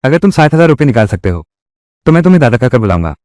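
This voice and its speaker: A man's voice: medium pitch, sing-song, rapid-fire, a little mellow, no echo, studio quality, natural voice. A man dubbing a crude, bullying male debt collector in a Hindi drama, speaking in threatening, mocking bluster. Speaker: voice actor.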